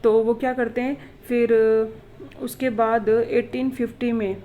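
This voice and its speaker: Woman teacher explaining slowly in Hindi. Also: on the high side, little pitch movement, narrow, tinny audio. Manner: explains in Hindi mixed with English, reads questions slowly. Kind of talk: exam revision lesson.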